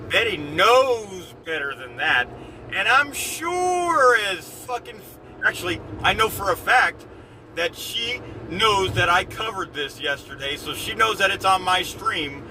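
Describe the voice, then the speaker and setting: A man's voice: high voice, very animated, a little slow. A man hosting a livestream, giving heated reaction commentary, swearing and repeating himself. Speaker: livestream host. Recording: distant mic with loud traffic noise.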